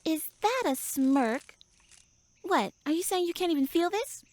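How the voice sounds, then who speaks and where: A woman with an extremely high voice performs a tiny, pouty tsundere elf with little wings in a roleplay audio drama. Flustered, huffy and indignant, she addresses the listener expressively and without hurry, and the recording has no room sound.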